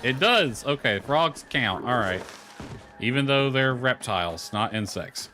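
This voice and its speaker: A male game streamer thinks aloud during casual live commentary, muttering to himself with mild exasperation. His medium-pitched voice is animated and moves at a measured pace. Music plays behind him, and the background is clearly noisy.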